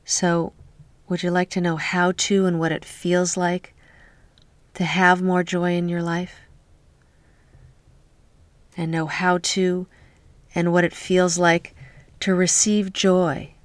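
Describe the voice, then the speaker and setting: A woman leading a guided healing meditation in a soft, slow voice that often drops to a whisper, speaking close to the mic. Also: fairly low pitch, little pitch movement, dry recording.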